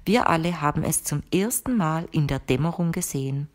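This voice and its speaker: A woman reader voicing a composed, mysterious woman who speaks calmly and firmly to her guest in an audiobook. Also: low voice, fairly quick. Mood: explaining calmly. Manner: calm, firm and matter-of-fact. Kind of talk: audiobook character reading.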